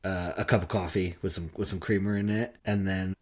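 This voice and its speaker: A man's voice: deep voice, steady tone, fairly quick, husky. A man in his thirties co-hosting a podcast, chatting casually and rambling with lots of fillers. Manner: laid-back, rambling with fillers. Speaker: podcast co-host. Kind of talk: casual chat. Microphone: podcast microphone.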